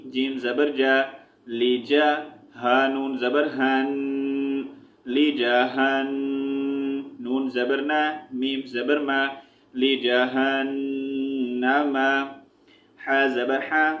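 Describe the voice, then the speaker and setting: A man teaching Quran recitation, spelling out letters and vowel marks syllable by syllable and blending them, with quick explanations that end in a repeated check-in. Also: mid-range voice. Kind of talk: slow spelling-out recitation lesson. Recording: echoey room, dull lo-fi sound.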